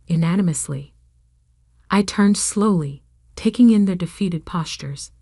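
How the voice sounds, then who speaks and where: A woman reading a first-person revenge story as scripted narration, with measured, even delivery. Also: medium pitch, no room sound, clean studio sound.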